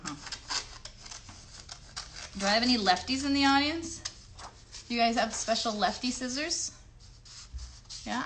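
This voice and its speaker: Over a noisy background, a woman with a slightly high voice hosts a children's craft show. She encourages young viewers through simple step-by-step directions and asks them questions.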